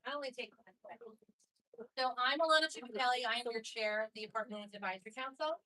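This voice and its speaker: A woman's voice: a little high, fast, sharp tone, rough recording. A woman, a real estate broker and council chair, introducing herself with breezy, self-deprecating humor.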